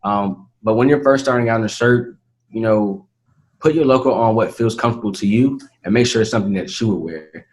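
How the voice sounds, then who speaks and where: A man's voice: fairly low pitch, rough recording. Earnest eighteen-year-old man. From Atlanta, Georgia, USA. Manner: earnest, measured, frequent fillers. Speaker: interview guest, young entrepreneur. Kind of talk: casual interview talk.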